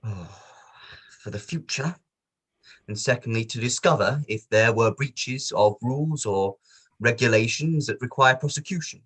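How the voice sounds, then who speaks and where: During a table read of a courtroom play, a man plays a formal, probing barrister who questions witnesses in a measured, courteous way. His voice is mid-range, a bit bright, and husky.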